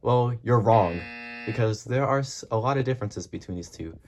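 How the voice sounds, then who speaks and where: A man's voice: medium pitch, moderate pace. A man giving a casual product comparison as a toy reviewer. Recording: mellow home recording, faint noise.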